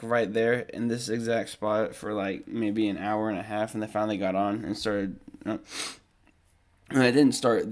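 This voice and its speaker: A man's voice: medium pitch, darkish tone. Rambling young man telling a story. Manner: rambling, with many ums and restarts; shows photos while talking. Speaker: podcast host. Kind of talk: casual storytelling monologue.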